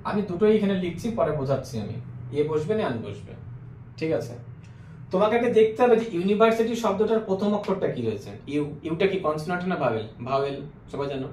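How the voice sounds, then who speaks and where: A man teaching an English grammar lesson who keeps asking the class questions and then answers them himself, slowing down to spell out and repeat words. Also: sits high, darkish tone, roomy sound, a little hiss or hum.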